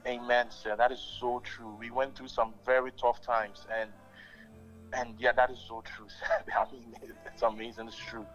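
A man from Ghana on a call, answering softly with amen and yes sir. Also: mid-range voice, level tone, moderate pace, highs cut off, faint music behind. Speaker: caller.

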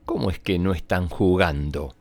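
A man's voice: low voice, normal speed, darkish tone, no room sound, pitched below the performer's own voice. A man voicing a patient female schoolteacher who questions and explains, in a children's story. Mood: patient, questioning. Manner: questioning, instructive. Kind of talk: storybook character reading.

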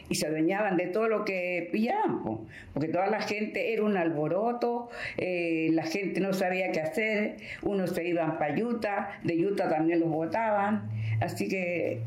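A woman's voice: sits low, a little mellow. An older woman from Peru, recalling the past in a rambling, vivid oral-history interview. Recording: echoey room.

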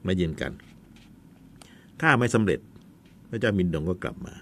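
Animated male history teacher. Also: low voice, moderate pace, a little hiss or hum. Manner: chatty, animated storytelling with asides. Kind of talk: casual history lesson.

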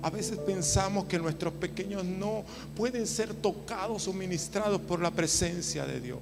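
A man preaching a sermon, moving from hushed storytelling to loud impassioned preaching. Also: high voice, moderate pace, vocal fry. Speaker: pastor.

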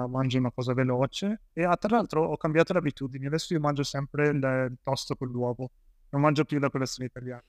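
A man's voice: fairly high pitch, dry recording. Italian man telling rambling stories. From Italy. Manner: rambling with many fillers and restarts. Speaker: interview guest, police officer in Australia. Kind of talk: casual interview storytelling.

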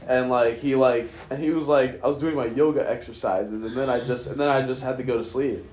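A man's voice: medium pitch, steady tone, fairly quick, a little mellow. A young man casually telling stories like a frat bro, swearing and padding sentences with filler slang. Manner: frat-bro slang, heavy use of "like", profane. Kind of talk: casual storytelling. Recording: echoey room.

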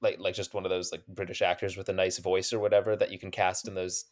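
A man's voice: low-pitched, little pitch movement, quick pace. Chatty young man, "like" every few words. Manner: chatty, frequent "like" fillers, laughs easily. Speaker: podcast co-host. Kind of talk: casual film discussion.

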